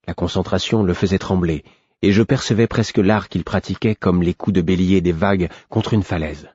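Deep, husky male audiobook narrator. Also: fairly even intonation, moderate pace, mellow, no echo, highs cut off. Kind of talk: scripted first-person narration.

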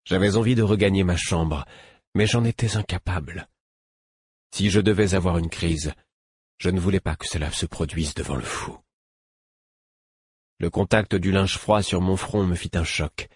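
Deep, husky male audiobook narrator. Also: normal speed, long pauses, dry recording, clean studio sound. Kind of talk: first-person novel narration.

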